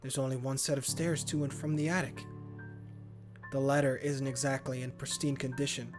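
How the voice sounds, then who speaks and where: Game music accompanies a man hosting a gaming video as he reads a horror visual novel at normal speed in a mid-range voice. His performance is theatrical and expressive, sprinkled with casual commentary.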